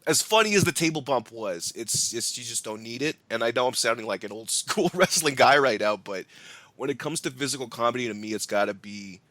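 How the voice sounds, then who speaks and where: A man co-hosting a podcast, talking about films in an animated way, laughing and swearing now and then. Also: mid-range voice, brisk, no echo. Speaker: podcast co-host. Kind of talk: casual film discussion.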